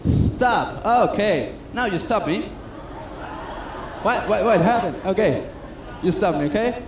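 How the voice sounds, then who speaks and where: Man, high voice, chatty self-mocking magician patter; echoey stage, noisy room. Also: expressive, takes it slowly, crowd noise. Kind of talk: comedic stage patter with audience. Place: cruise ship stage. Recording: echoey stage sound with noise.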